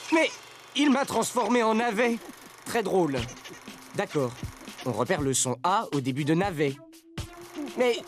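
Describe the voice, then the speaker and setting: A man playing an excitable male puppet presenter in a children's educational show, talking in a dramatic, exclamatory way. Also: a little high. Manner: exclamatory, sing-song, dramatic.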